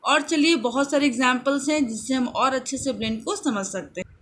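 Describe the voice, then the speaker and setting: A woman teaching children phonics in a mix of Hindi and English, slowly sounding out and repeating each word. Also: high voice, a bit bright. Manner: slow, drawn-out repetition of sounds and words.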